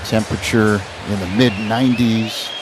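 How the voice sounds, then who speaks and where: Over music and crowd ambience from the ballpark, an American play-by-play man calls a baseball game live on radio in a rough recording. His voice is fairly low and steady, moving at a moderate pace in clipped phrases that follow the action.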